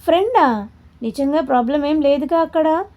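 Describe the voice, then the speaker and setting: A bossy young man who has won a bet and now gives orders with a mocking, commanding edge, as a woman narrator puts him on. The voice sits high and sounds mellow and soft-toned. He is heard in a spoken storybook. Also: lively intonation, moderate pace. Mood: concerned.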